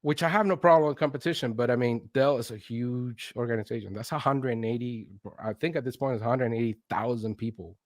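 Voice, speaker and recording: A Spanish-speaking Venezuelan man in his late 40s, an instructional design consultant appearing as an interview guest, tells personal stories conversationally. His mid-range voice moves fast with few pauses, animatedly quoting his own thoughts and often checking in with "right?". The recording is dry, with no room sound.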